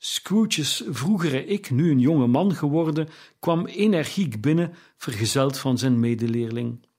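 A man reading a classic story aloud as narrator, in a slow and deliberate way. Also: medium pitch, expressive, dark tone. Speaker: audiobook narrator.

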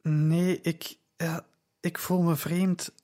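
A man voicing a large Roman citizen, confused and groggy, speaking in a halting mumble. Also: on the high side, level tone, warm tone. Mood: dazed. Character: large Roman citizen, dazed after a seizure.

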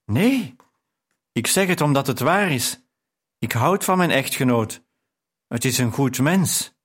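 An earnest young woman, devoted and emotional, voiced by a male narrator in an audiobook. She speaks slowly and tenderly, lifting to a mid-pitched plea. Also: animated, husky. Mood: insistent. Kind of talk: audiobook character reading.

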